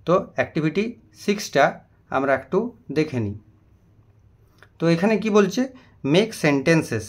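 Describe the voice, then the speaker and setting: Slightly high-voiced teacher explaining words. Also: male voice. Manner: slow, deliberate reading of English example sentences; patient, repeats words and spells them letter by letter. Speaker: English teacher. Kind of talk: classroom lesson explaining vocabulary.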